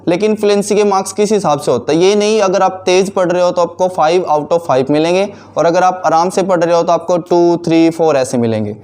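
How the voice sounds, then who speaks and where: Male instructor, high voice, quizzing himself as he explains to a class. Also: fairly quick, few pauses, a little mellow. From India. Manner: explains by asking and answering his own questions. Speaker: teacher. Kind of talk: classroom teaching.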